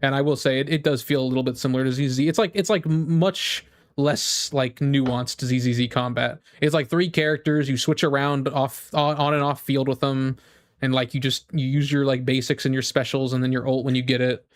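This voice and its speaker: Reacting and talking with his viewers, this gaming streamer rambles with enthusiasm, thinking out loud and starting over. He speaks a little fast in a steady, mid-range voice, captured in clean studio sound without room tone.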